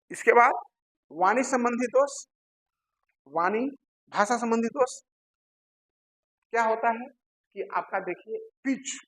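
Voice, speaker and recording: A man teaching a lecture, posing questions to his listeners and answering them himself, repeating key terms slowly. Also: sits high, fairly bright tone, rough recording. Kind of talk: classroom lecture.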